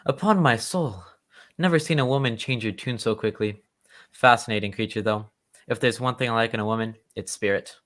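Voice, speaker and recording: A man's voice: medium pitch, brisk, a bit bright, lightly acted. Man playing genial, mid-voiced Doctor Watson. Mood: admiring, bemused. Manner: hearty, old-fashioned politeness. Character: genial, chivalrous older English gentleman doctor. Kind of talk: radio drama acting.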